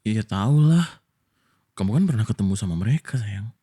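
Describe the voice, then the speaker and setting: A man from Indonesia doing a whispered boyfriend role-play, soft and coaxing as he soothes his partner. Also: lowish voice, lively intonation, normal speed, breathy edge. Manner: soft, coaxing, affectionate toward listener.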